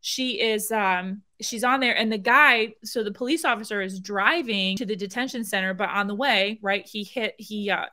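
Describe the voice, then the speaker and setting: A woman's voice: medium pitch, normal speed, few pauses, sharp tone. A woman hosting a vlog, commenting on video clips in an emphatic, indignant way. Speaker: vlog host.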